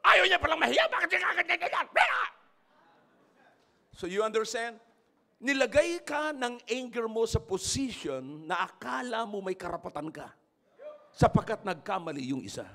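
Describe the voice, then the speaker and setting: A man with a Filipino accent preaching a sermon in church, mixing English and Tagalog, calling out to his congregation and rising to shouts. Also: extremely high pitch, sing-song, normal speed, vocal fry. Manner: switches between English and Tagalog, calls out to congregation; loud, dramatic preaching with shouting peaks. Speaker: pastor.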